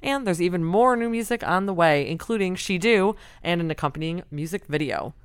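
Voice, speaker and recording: A young adult woman co-hosting a music chart podcast, upbeat and quick to laugh as she interviews guests. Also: on the low side, animated, clean tone, no echo, studio quality. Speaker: podcast co-host. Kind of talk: casual chat and interviewing.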